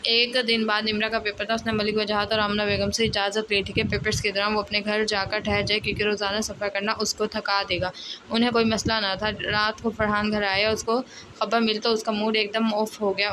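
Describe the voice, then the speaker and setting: A woman narrates a romance novel aloud in a steady, even reading voice. Her pitch barely moves, and a steady hiss runs under the whole recording.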